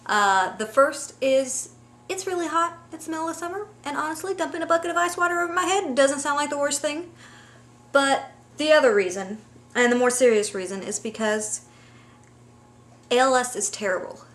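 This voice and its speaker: A woman's voice: high voice, normal speed, fairly bright tone. A woman vlogger talking casually to camera in a personal, unscripted way.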